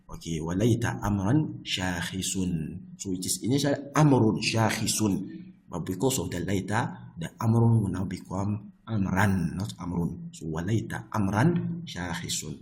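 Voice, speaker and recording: A man's voice: deep voice, moderate pace, a little mellow, poor audio. A man teaching Arabic grammar in English, explaining a classic text and often restarting his phrases and repeating words.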